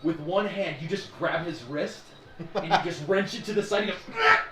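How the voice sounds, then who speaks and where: A man narrating a tabletop game as game master, animated, laughing often and filling his speech with "like". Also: fairly high pitch, moderate pace, roomy sound, poor audio.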